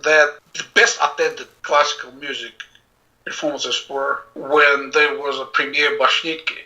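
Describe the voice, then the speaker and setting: A middle-aged man, a composer being interviewed, speaking reflectively with many pauses and restarts. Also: a little high, little pitch movement, pushed and bright, poor audio. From Azerbaijan. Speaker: composer and pianist guest. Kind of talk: casual interview talk.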